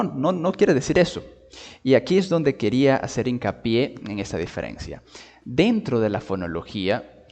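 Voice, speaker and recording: A man giving a patient video lesson on phonetics, drawing out sounds slowly to demonstrate them and often checking in with his listeners. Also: medium pitch, darkish tone, long reverb tail. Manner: checks in with "¿vale?" and "¿ok?". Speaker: linguistics teacher.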